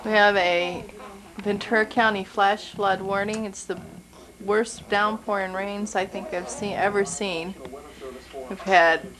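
Holding a camcorder in the living room, a mother films her baby and chats sweetly to the infant as she narrates the home video. Her voice is mid-range and steady at a measured pace, and the recording quality is low.

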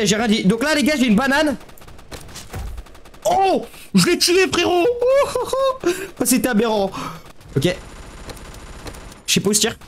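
A man giving casual gameplay commentary, excitable and slangy, often yelling at the game. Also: very high voice, slight background noise. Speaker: gaming YouTuber.

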